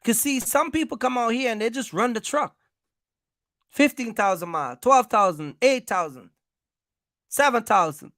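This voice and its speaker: An American livestream host offers informal business advice in a mid-range, creaky, fairly bright voice, captured in a dry, studio-quality recording. He speaks emphatically, repeats his points, and checks in with listeners.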